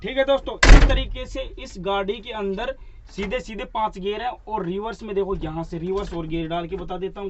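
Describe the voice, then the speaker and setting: A man's voice: high-pitched, muffled recording, slight background noise. A man acting as a driving instructor, giving a hands-on demonstration inside a truck cab, explaining each part step by step and repeating the terms for his viewers.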